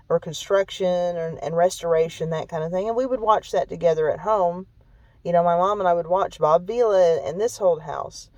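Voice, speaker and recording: A woman's voice: lowish voice, a little mellow, no echo, rough recording. Woman telling a painful story, dry sound. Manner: emphatic, repetitive, keeps adding "okay?" and "really"; emotionally shaken when recounting hurt. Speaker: vlogger. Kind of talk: personal storytelling to camera.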